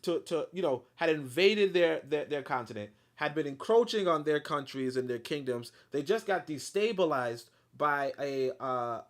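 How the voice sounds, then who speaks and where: A man with a higher voice hosts a book reading and keeps interrupting himself with heated live commentary. His asides are animated and blunt, with profanity and lots of fillers.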